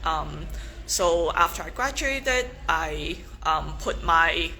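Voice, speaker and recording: A young native Cantonese speaker from Hong Kong, a pageant contestant, introduces herself on a casual livestream. She speaks slowly with many ums and restarts, her voice on the low side with a sharp tone, and there is a little hiss or hum.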